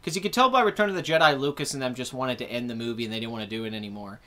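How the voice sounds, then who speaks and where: A man's voice: medium pitch, very fast, pushed and bright. A man in his twenties hosting a casual live chat about movies, rambling and correcting himself as he answers viewer comments. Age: 20s. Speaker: host.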